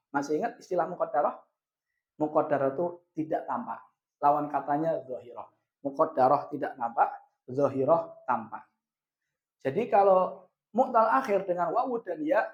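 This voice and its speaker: A man with an Indonesian accent teaching a grammar lesson, asking questions and answering them himself, and drawing out the example words slowly. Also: fairly high pitch. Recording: echoey room, dull lo-fi sound.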